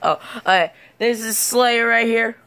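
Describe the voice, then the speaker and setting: A teenage boy vlogs from his cluttered bedroom, holding his phone at arm's length, with an extremely high, sharp, clean voice at a slightly slow pace. He chats playfully and rambles, humming filler sounds.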